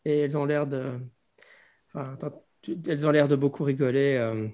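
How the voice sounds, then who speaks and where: A man's voice: medium pitch, level tone, normal speed, dark tone. A man improvising narration as game master of a tabletop game, hesitantly searching for his words.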